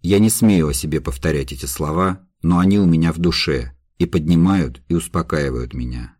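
A young condemned man in an audiobook, gentle and loving, torn between disbelief and tenderness, as voiced by a male reader. The voice sits extremely low and deep. It is dry and close, with no room around it. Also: fairly quick, no echo. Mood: tender. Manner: anguished, tender inner voice.

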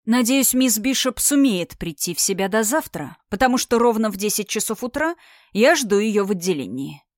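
A woman's voice: mid-range voice, big pitch swings, moderate pace, dry recording, clean studio sound, close to an everyday voice. Brief: woman reading a stern, curt male lawman in an audiobook. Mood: commanding. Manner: cold, curt, commanding. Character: stern, imposing male magic policeman.

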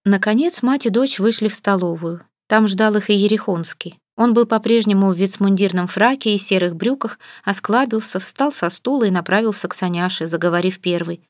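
A woman narrating a classic novel in a calm, measured reading voice. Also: mid-range voice, no echo, clean studio sound. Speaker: audiobook narrator. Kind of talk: scripted literary narration.

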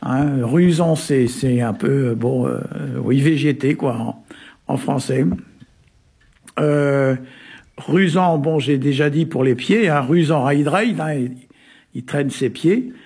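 A man from Brittany explaining word meanings in a relaxed, hesitant way, full of little fillers and chuckles. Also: on the high side, slow pace, breathy edge. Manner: hesitant, many "euh" and "hein" fillers, chuckles often. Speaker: Breton language expert on a radio show. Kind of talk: casual explanatory chat.

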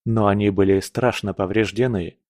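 A man narrating a fantasy audiobook in a measured, dramatic reading. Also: on the low side, fairly even intonation, darkish tone, no room sound.

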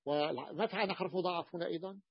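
Male grammar teacher, slightly higher voice, repeats himself and quizzes the class, dull lo-fi recording. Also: very fast, breathy edge, dry recording. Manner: repeats terms, fillers, questions to class. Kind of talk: explaining a grammar text to students.

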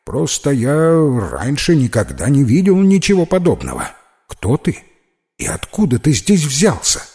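Man doing a bossy, proud puppy in a storybook, lively, slightly raised voice. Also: on the high side, measured pace, voice pushed up, exaggerated voice. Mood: astonished. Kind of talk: audiobook character voice.

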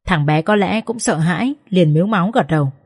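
A woman's voice: on the low side, fairly quick, darkish tone, slightly rough, no room sound, studio quality. A woman narrating a first-person family drama in a tense, emotional reading. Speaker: audiobook narrator.

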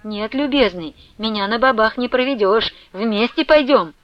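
A shrill, jealous village woman raging and hurling threats at the top of her voice, as a woman reader puts her on. Her high voice drags out each accusation slowly. The audiobook recording is dry and a little dull. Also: dry recording, natural voice. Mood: scornful. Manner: loud, slow, shouting threats.

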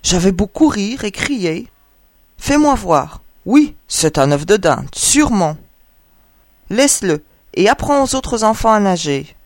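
A woman's voice: mid-range voice, big pitch swings, slow pace, no echo, clean studio sound. A woman voicing an old female duck who bossily hands out advice, in a storybook reading. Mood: bossy. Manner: knowing, bossy. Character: old female duck, bossy know-it-all visitor.

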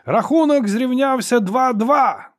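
A man voicing a male tournament arbiter who makes slow, booming announcements in an audiobook. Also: lively intonation, exaggerated voice. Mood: proclaiming.

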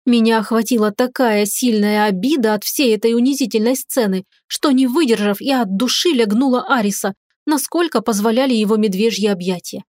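A woman narrating a first-person audiobook with an expressive, dramatic delivery. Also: fairly high pitch, a little fast, few pauses, no room sound, studio quality. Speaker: audiobook reader.

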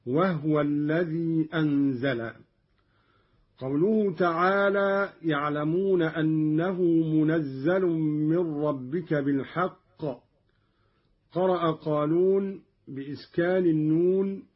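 A man with a somewhat high, husky voice explains Quran reading variants at a very slow, measured pace. He recites each verse deliberately after explaining it. The sound is dull and lo-fi, like an old radio broadcast. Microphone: broadcast studio microphone.

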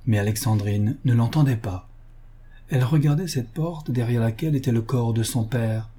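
A man narrating a novel in a steady, even reading voice. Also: mid-range voice, moderate pace, husky. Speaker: audiobook narrator. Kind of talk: scripted narration.

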